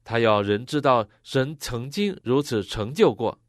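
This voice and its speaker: A man interpreting a sermon phrase by phrase, matching the preacher's expressive delivery. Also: medium pitch, a little slow, dry recording, studio quality.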